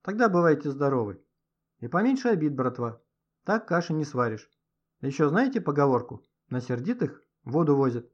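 Guy doing a smug preachy detective, husky, dull sound. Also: a little high, big pitch swings, normal speed. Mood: condescending. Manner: condescending, warning. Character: smug grown-up detective lecturing kids. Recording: dull lo-fi audio.

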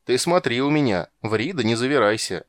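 A man's voice: mid-range voice, animated, brisk, no room sound, lightly acted. A man voicing a grumpy, capricious male sea king who grumbles and blusters in a storybook reading. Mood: stern.

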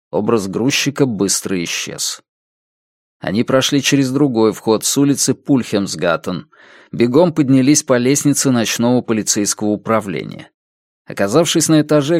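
A man narrating a crime novel as an audiobook in steady, tense storytelling. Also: mid-range voice, no room sound, clean studio sound. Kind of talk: scripted narration.

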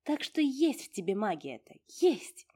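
A woman's voice: sits high, big pitch swings, moderate pace, a little mellow, pitched above the performer's own voice. A woman voicing a fussy little house-spirit granny. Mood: fussing. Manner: folksy, doting, exclamatory.

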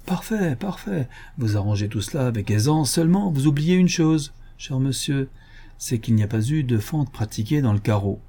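A man's voice: medium pitch, lively intonation, moderate pace, mellow. A man voicing an irritable, impatient aristocratic count in an audiobook, sneering at a guest's theory. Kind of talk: audiobook character reading.

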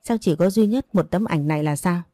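A woman voicing a grieving seventeen-year-old who pleads and insists, in a low, dark voice. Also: brisk, no echo, clean studio sound, lightly acted. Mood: pleading. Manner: pleading, insistent, breaking into denial.

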